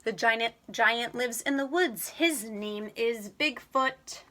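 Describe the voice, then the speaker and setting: With a fairly high voice, a woman reads a children's storybook aloud. Her delivery is expressive and deliberate, in true storyteller fashion.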